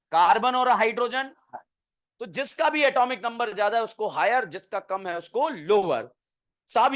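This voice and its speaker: A man teaching a chemistry class, asking the students quick questions and answering them himself, then dictating notes word by word. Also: extremely high pitch, a bit bright. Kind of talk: classroom lecture.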